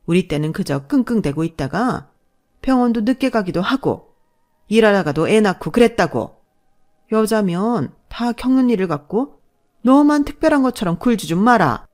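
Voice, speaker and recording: A woman voicing a sharp-tongued older mother-in-law who scolds and mocks her daughter-in-law in a storybook reading. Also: animated, normal speed, natural voice. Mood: scornful. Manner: scolding, shrill outbursts.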